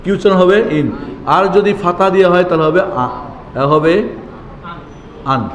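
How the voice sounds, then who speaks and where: A man's voice: sits high, moderate pace, slight background noise. A man teaching Quran reading as a classroom lesson, who asks his own questions and answers them and repeats the key words. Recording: echoey hall with faint ambience.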